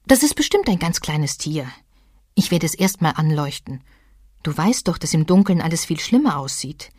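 Storybook figure: gentle, soothing mother troll, close to the reader's own voice; a woman voices it. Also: mid-range voice, very animated, fairly quick, no room sound. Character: calm caring mother troll.

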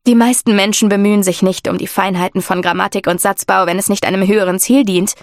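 A woman voicing a courteous female officer serving as royal envoy, measured and formal. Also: mid-range voice, steady tone, no echo, clean studio sound, lightly acted. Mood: thoughtful.

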